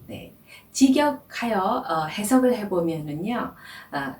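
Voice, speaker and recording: A woman teaching French, explaining pronunciation slowly and carefully. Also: mid-range voice, animated, darkish tone, roomy sound, far from the mic, slight background noise. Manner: slow, careful explanation with drawn-out demonstration words. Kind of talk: language lesson.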